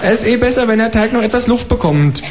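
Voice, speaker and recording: A man's voice: very high-pitched, expressive, quick pace, pitched above the performer's own voice. A man voicing a talking kangaroo neighbor who politely but pushily asks for one thing after another. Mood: pushy polite. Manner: polite, wheedling requests, cheeky. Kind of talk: comic reading.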